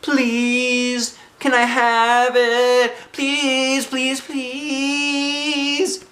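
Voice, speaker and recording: A man voicing an excitable, stubborn little girl in a storybook, exclaiming dramatically and repeating herself. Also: very high voice, very slow, echoey room, pitched above the performer's own voice, heavily acted. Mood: pleading.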